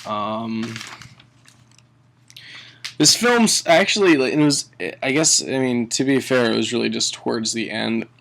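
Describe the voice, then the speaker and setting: Male, tipsy amateur film reviewer: slow, gravelly, rambling, sweary, chuckles through his own jokes. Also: mid-range voice, fairly bright tone. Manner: tipsy, drunken rambling delivery; halting, sweary, often chuckling mid-sentence. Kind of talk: casual comedic movie review.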